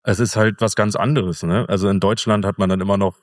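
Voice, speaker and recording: A middle-aged man as an interview guest, telling a travel story in a relaxed, rambling way with fillers. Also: fairly low pitch, fast talker, no room sound, studio quality, long reverb tail. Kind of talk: casual conversational storytelling.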